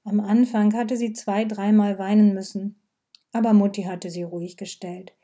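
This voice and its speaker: A woman narrating a story in a calm, measured read that sometimes sinks to a whisper. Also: mid-range voice. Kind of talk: scripted narration.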